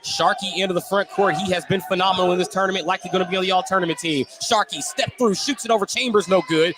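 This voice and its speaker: Over noisy gym ambience and background music, a man with a high-pitched, fast voice and fairly even intonation gives radio play-by-play of a basketball game from an indoor gym. He narrates every moment of the action in detail, fixing his own slips along the way.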